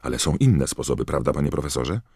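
A man's voice: extremely low pitch, very animated, quick pace, a little mellow, dry recording, studio quality, exaggerated voice. A man voicing a clever, earnest teenage girl witch who speaks anxiously and asks pointed questions.

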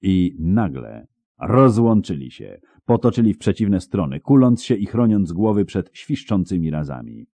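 A man's voice: low voice, big pitch swings, measured pace, vocal fry, mellow, no echo. A man narrating an audiobook in a dramatic, vivid storytelling manner, close to the mic.

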